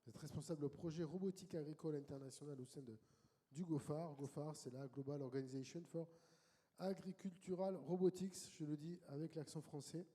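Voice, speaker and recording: Male conference moderator, brisk and welcoming, dark tone, long hall reverb. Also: on the high side, fairly even intonation. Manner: brisk and welcoming, directing guests.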